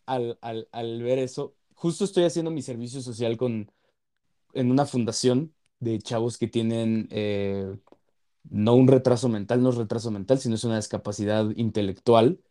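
A young law student with a mid-range voice speaks in a mellow, warm tone during casual conversation. He is earnest and a little halting, repeating words while he gathers his thoughts.

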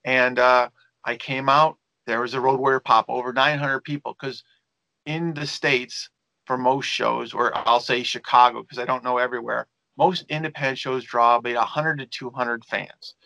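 A man's voice: medium pitch, steady tone, normal speed, vocal fry, pushed and bright, dry recording, low-quality recording. A man who works as a wrestling promoter and manager, telling stories in a rambling interview with many fillers and restarts. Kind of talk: casual storytelling interview.

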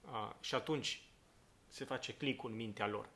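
A pastor leading a Bible study, reading scripture aloud and explaining it in a thinking-aloud way with many fillers and "right?" check-ins. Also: male voice, medium pitch, a bit bright.

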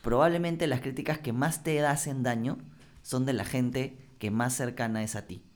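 A man co-hosting a podcast, talking in a reflective, halting way with frequent restarts. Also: mid-range voice, fairly even intonation. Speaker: podcast co-host. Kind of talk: casual conversation.

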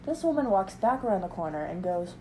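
A woman's voice: medium pitch, very animated, brisk, warm tone, slight background noise. A young woman in casual chat, telling a sarcastic story and mimicking the people in it. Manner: storytelling, mimics others in quoted dialogue, sarcastic.

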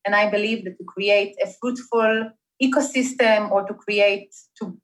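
A woman's voice: medium pitch, fairly even intonation, a little slow. Woman chatting with many fillers. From Israel. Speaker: guest, startup investment partnerships manager. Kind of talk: conversational interview.

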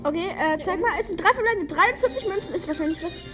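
Woman, very high voice, excited game commentary, stumbling over numbers, background music. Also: fast talker. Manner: counts rewards aloud with many fillers. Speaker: gaming video host.

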